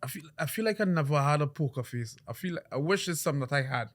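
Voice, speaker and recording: A man's voice: fairly high pitch, fast talker. A young man hosting a podcast, telling stories animatedly with frequent laughs and restarts. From Trinidad. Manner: animated storyteller, laughs often, many restarts. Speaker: podcast host. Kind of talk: casual podcast chat.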